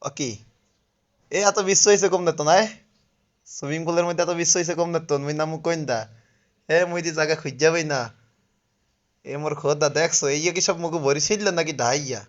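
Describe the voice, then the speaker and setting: Brief: male vlogger with a Barishal dialect, quick and chatty, jokey aside-heavy delivery, somewhat high voice, dull lo-fi recording. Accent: Barishal dialect of Bengali. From Barishal, Bangladesh. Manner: joking, chatty, often asks listeners if they understand. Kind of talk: casual travel vlog narration. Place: outdoor resort with swimming pool.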